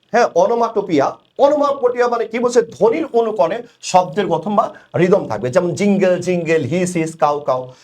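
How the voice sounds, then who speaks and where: A young male tutor teaches in a fairly high voice that rises and falls a lot. He drills each term by repeating it and answering his own questions. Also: darkish tone. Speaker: English tutor. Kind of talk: exam-prep lecture.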